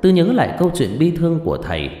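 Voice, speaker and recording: A man's voice: a little high, huge pitch swings, very fast, mellow. A man reading a horror story aloud as a scripted narration. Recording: roomy reverb with faint music.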